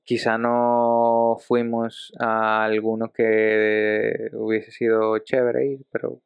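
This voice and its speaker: Young man, from Ecuador, Dominican Spanish accent, gravelly, hesitant podcast co-host, dull lo-fi sound. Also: on the low side, monotone, dry recording. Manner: measured, hesitant, soft chuckles. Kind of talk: casual chat.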